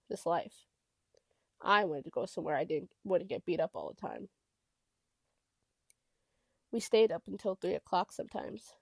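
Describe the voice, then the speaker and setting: A woman narrating a chapter of an audiobook in the first person, in a quiet, reflective way. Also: lowish voice, dry recording.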